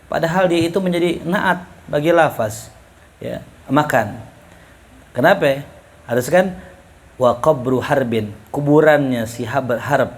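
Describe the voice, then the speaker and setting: A man teaching a class in a relaxed, joking way, reading Arabic lines and explaining them with questions to students. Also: medium pitch. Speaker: ustadz teaching Arabic rhetoric. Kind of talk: casual classroom lecture.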